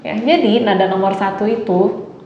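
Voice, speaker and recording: A young woman from Indonesia hosting a casual Mandarin lesson, chatting along and demonstrating tones with drawn-out syllables. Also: medium pitch, warm tone. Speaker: Mandarin teacher, channel host. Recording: slightly dull, roomy, faint hiss.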